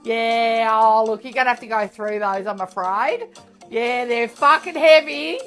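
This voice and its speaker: A brash, foul-mouthed check-in agent, played by a woman in a comedy clip. Her voice sits high and she mocks the traveller bluntly. Faint music plays under the clip. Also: measured pace, a bit bright. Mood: brash, mocking. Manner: blunt, mocking, swears casually.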